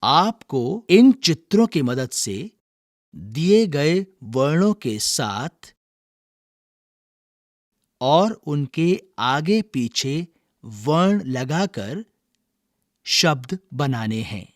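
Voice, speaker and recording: Slow, deliberate male Hindi teacher. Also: fairly high pitch, big pitch swings, no echo, studio quality. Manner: slow, deliberate dictation of sample sentences. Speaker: teacher reading textbook exercises. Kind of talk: scripted lesson narration.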